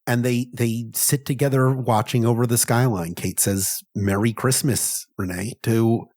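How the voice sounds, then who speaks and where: A man's voice: mid-range voice, steady tone, a little slow, a little mellow. A man co-hosting a casual comics podcast, retelling scenes in an earnest, thoughtful way. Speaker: podcast co-host. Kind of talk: casual chat about comics.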